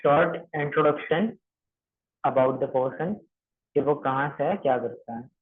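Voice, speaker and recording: A man's voice: mid-range voice, a little slow. A man coaching trainees through a calling script, repeating points, checking they understood, and slipping English phrases into his talk. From Maharashtra. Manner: repetitive, checks understanding often; mixes English phrases into Hindi. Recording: tinny phone-like audio.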